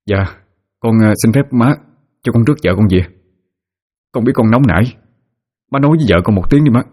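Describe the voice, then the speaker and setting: A man's voice: medium pitch, fairly quick, dark tone, pitched above the performer's own voice, lightly acted. A man with a Southern Vietnamese accent voicing a frantic, hot-tempered young husband who stammers anxiously. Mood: pleading.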